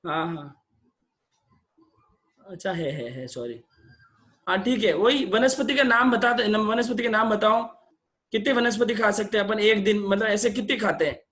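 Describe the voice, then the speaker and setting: A man with a fairly high voice leads an online lesson over a video call. He quizzes his students one by one and coaxes answers out of them in a brisk way. He mixes in English phrases now and then. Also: fairly bright tone. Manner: quizzes participants, brisk and coaxing. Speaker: online class teacher. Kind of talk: interactive online religious lesson.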